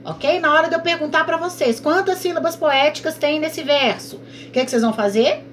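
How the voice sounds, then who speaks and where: A woman leads an online class in a brisk, fairly bright voice pitched a touch higher than most. She explains patiently, often asking her own questions and answering them, over a faint background noise.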